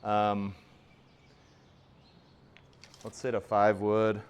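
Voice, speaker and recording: A man's voice: on the low side, monotone, a little slow, smooth. A man in his forties giving casual, rambling, self-deprecating commentary while playing in a home golf simulator. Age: 40s. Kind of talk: casual play-along commentary.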